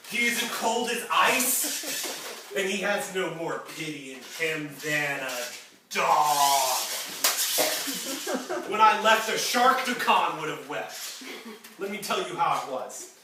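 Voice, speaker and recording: A man's voice: on the high side, lively intonation, slow. A man on stage playing a tearful, self-pitying alien henchman in a rambling comic monologue, recorded from far off in a theatre. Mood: whining. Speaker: stage actor. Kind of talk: live stage comedy acting. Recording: echoey theatre from far off, noisy.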